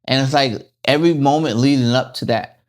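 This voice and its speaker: A man's voice: medium pitch, steady tone, a little fast. A middle-aged man co-hosting a candid podcast, talking in an emphatic, slangy way and laughing at himself. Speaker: podcast co-host.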